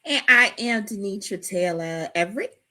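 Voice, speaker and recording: A woman's voice: mid-range voice, moderate pace, bright, forceful tone. A woman from Brooklyn with a New York accent, co-hosting a podcast in chatty, easygoing banter. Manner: laughs easily, chatty. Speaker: podcast co-host.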